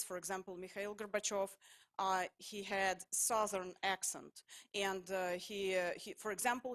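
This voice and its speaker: Halting woman. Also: mid-range voice, fairly bright tone. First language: Russian. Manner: halting, full of hesitations and restarts. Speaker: speaker at a public talk. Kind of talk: lecture-style public talk.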